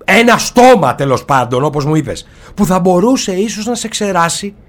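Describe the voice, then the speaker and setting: A man's voice: high voice, expressive. A man playing a boastful, flustered braggart. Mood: evasive. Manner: theatrical, swinging between gloating and stammering panic. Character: boastful, flustered man who mocks then panics. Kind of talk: comic theatre or audio drama.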